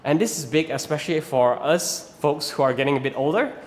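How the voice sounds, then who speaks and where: A Malaysian man in his thirties, speaking Malaysian-accented English, patiently explains rope flow as an instructor in an instructional video, often checking in with "right?". His voice sits on the high side with lively intonation and a slightly fast pace. The sound is big-room, with a little hiss or hum.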